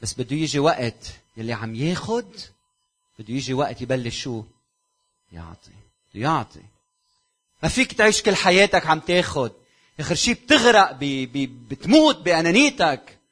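Lebanese pastor preaching with sharp swings. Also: male voice, fairly high pitch, big pitch swings, fairly quick. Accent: Lebanese Arabic. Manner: swings from loud exhortation to near-whispered asides; asks the congregation rhetorical questions. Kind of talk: sermon.

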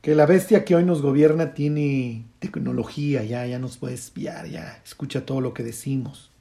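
A man's voice: mid-range voice, normal speed, vocal fry, mellow. A man teaching a conversational Bible study, explaining passages and pointedly commenting, often checking in with a questioning "ok?".

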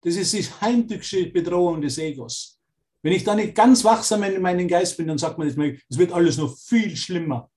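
Ein Mann mit österreichischem Akzent leitet eindringlich eine spirituelle Kurslektion. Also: male voice, high voice, expressive, normal speed, darkish tone. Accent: Austrian. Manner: earnest, emphatic, mixes teaching with acted inner voices. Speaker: spiritual teacher. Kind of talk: spiritual course lesson.

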